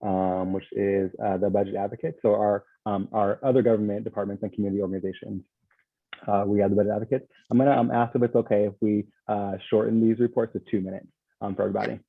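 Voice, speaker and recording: A man with a low, gravelly, husky voice leads a public meeting over a video call. He talks haltingly and fills the gaps with ums and uhs. The sound is thin and phone-like. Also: steady tone, no room sound. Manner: halting, with many fillers. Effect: heard over a video call. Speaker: meeting chair.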